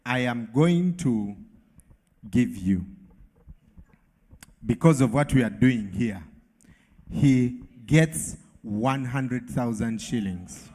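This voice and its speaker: Through a PA with long hall reverb, a Ugandan English-accented male emcee hosts a lively event for a live audience in a large hall, teasing the crowd in a laughing, playful way. His mid-range, dark-toned voice is animated, slow, and often pausing.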